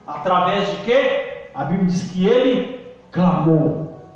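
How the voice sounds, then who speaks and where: High-voiced preaching man in echoey hall. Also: animated, slow, soft background music. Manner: preaching with call-and-response, emphatic swings in pitch and volume. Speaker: pastor. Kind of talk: sermon. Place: church hall. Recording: distant echoey church hall recording, dull.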